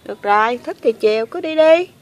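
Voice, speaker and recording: Whiny, weepy doll lady, voiced by a woman for a toy play video, high-pitched and dramatic. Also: animated, fairly quick, natural voice. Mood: huffy. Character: whiny pretty doll lady who cries.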